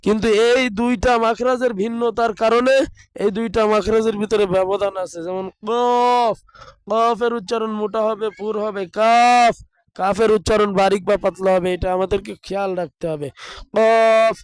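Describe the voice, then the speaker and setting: A man, teaching an online Arabic pronunciation lesson, slowly drawing out letter sounds and chanting rules like a drill. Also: high-pitched, smooth, no echo. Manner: slow, drawn-out demonstration of letter sounds; recites lists in a chanting, drilled way. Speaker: madrasa teacher.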